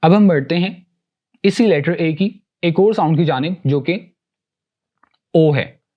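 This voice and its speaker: A man teaching English pronunciation, explaining rules and slowly sounding out example words one by one, switching between Hindi-Urdu and English. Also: on the high side, darkish tone, highs cut off. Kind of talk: recorded lesson.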